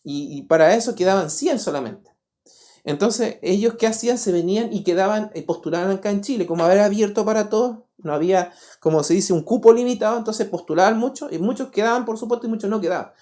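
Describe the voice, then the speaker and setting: A man, preaching a sermon as pastor. He talks in an animated way and keeps asking the congregation rhetorical questions. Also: high voice, fast talker. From Paraguay. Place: church.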